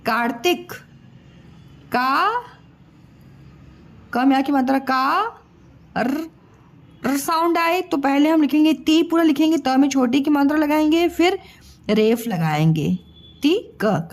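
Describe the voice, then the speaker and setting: A woman with a high voice teaches young children at an unhurried pace. She spells out each sound syllable by syllable and repeats words slowly. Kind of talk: slow spelled-out children's lesson.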